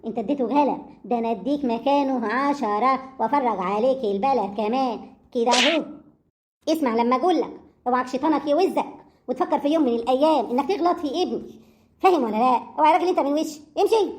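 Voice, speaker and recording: A woman's voice: high voice, fast talker, darkish tone, close to an everyday voice. A woman voicing a fierce older village mother who scolds and insults a man over her son. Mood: furious.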